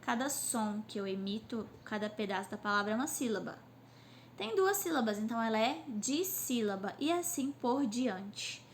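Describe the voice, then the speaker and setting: A woman teacher gives a recorded class lesson to children, sounding out words slowly syllable by syllable, recorded on a phone on a stand. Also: fairly high pitch, expressive, a little hiss or hum. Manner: slow syllable-by-syllable drilling.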